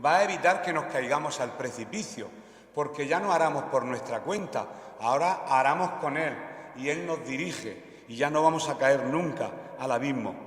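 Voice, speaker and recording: A man's voice: mid-range voice, normal speed. Guy preaching, repeats himself for emphasis, big echoey church room. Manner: repeats key phrases for emphasis. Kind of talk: sermon. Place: church hall. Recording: echoey hall with long reverb.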